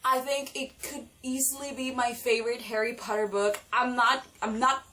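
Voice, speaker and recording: Gushing young woman book vlogger, high voice. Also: normal speed. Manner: gushing, excitable, animated. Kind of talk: casual book review vlog. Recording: distant mic with faint background music.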